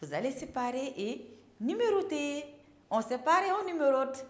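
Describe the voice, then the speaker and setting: A woman's voice: sits high, sing-song, normal speed. A woman teaching a primary class, drawing out and repeating words for young pupils. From Senegal. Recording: echoey classroom.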